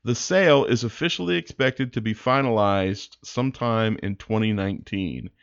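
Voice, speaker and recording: A man with a creaky, gravelly voice co-hosts a podcast in a casual style. He drops dry, joking asides. The audio is slightly dull and lo-fi. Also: fairly low pitch, normal speed. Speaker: podcast co-host. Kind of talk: casual podcast banter and news reading.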